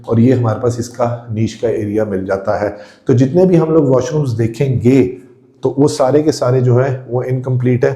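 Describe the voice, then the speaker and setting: A man's voice: medium pitch, warm tone. A man walking viewers through an empty house, describing each room with enthusiasm and speaking straight to the audience. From Pakistan. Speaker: real estate tour host. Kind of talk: walkthrough house tour narration. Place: indoors, empty house rooms.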